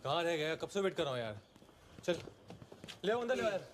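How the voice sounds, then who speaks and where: Eager young man, chummy, pushing, lively pitch range. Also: fairly quick, noisy background. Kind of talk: Hindi film dub.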